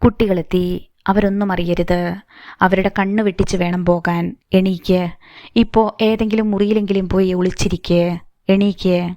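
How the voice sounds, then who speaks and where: A woman's voice: mid-range voice, flat delivery, moderate pace, mellow, no room sound, natural voice. Woman doing a frantic young eldest sister, urgent, commanding, dry close voice.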